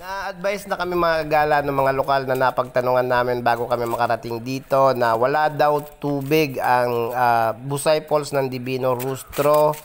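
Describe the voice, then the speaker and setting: A man's voice: medium pitch, normal speed, hardly any pauses, slight background noise. A man vlogging on a rural forest trail, guiding his viewers along and calling out to them again and again as he walks. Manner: calls viewers "mga kagala" constantly. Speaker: travel vlogger. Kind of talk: casual guiding narration.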